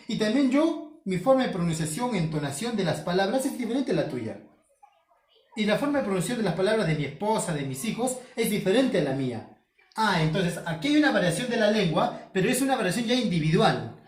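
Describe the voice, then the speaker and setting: A man's voice: high-pitched, far from the mic. Echoey male teacher giving a home lesson. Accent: Peruvian Spanish. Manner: explains with repetition and rhetorical student questions. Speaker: school teacher. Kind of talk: home-schooling video lesson. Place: home room. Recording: echoey room, voice from off the mic.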